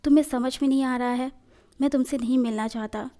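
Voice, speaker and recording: A woman's voice: high-pitched, fairly even intonation, fairly quick, warm tone, lightly acted. A woman voicing a cold man in a storybook reading, curtly brushing off a former lover. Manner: curt and dismissive. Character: cold, dismissive man ending a relationship.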